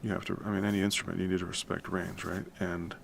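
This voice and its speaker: A music composition streamer with a deep baritone talks fast, with vocal fry, rambling casually as he works late at night. He's relaxed, swears casually, and keeps his voice low so he doesn't make noise in his home room. The recording has noticeable background noise, including typing.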